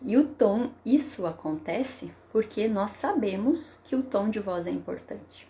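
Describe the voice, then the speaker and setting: A woman psychotherapist giving parenting advice in a live stream, explaining calmly and often checking in with a tag question. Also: medium pitch, unhurried. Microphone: webcam or phone for a live stream.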